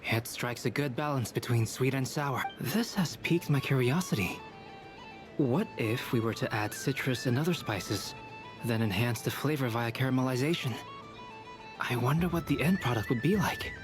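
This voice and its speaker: A man playing a calm, curious young thinker in a video game, measured and thoughtful. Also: medium pitch, natural voice. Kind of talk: video game character acting. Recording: music behind the voice.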